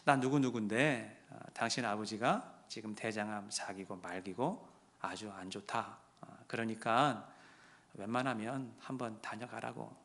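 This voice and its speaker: A male pastor telling a story in his sermon, dropping to a hush and then rising loud and impassioned. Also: on the low side, fairly even intonation, unhurried. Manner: swings from hushed to loud and impassioned.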